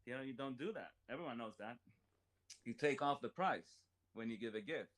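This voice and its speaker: A man's voice: mid-range voice, animated, a little fast, a bit bright. A man hosting a casual Torah study chat, explaining step by step with jokes and everyday examples, and reading commentary aloud and translating it. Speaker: Torah class host.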